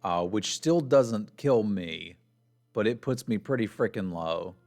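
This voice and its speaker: A man with a somewhat low voice talks through his own card game moves as a streamer would, thinking aloud. He is wry and self-deprecating. Soft music plays faintly underneath. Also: lively intonation, measured pace. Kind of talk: casual gameplay commentary.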